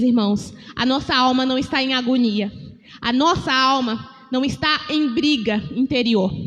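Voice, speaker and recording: A woman from Brazil gives a devotional talk from the front of a church, her high voice carrying through a long, ringing reverb. She speaks to the congregation as brothers and sisters and breaks into laughter as she recounts a personal story. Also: a bit bright. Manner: addresses listeners as brothers, laughs often while telling a story. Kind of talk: sermon devotional. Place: church hall.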